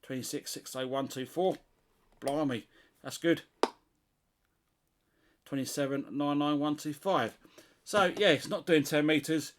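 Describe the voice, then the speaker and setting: A middle-aged British man who presents on CB radio as a hobbyist gives a casual, hands-on demonstration, thinking aloud as he tests things without a script. His voice sits a little high, with a steady tone and an unhurried pace, over a noisy background.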